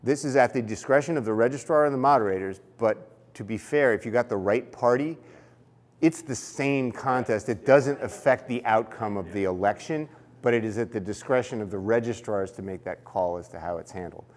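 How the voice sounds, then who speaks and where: A man leads a poll worker training in a relaxed, explanatory way. His voice sits at an ordinary middle pitch, and he pauses on fillers and restarts his sentences as he goes. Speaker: election trainer.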